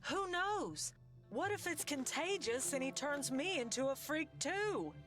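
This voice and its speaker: High-pitched, indignant, demanding veteran. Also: female voice, expressive, a little slow, a bit bright, soft background music. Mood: scornful anger. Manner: haughty, scornful, demanding. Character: indignant, prejudiced woman veteran patient. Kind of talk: video game voice acting.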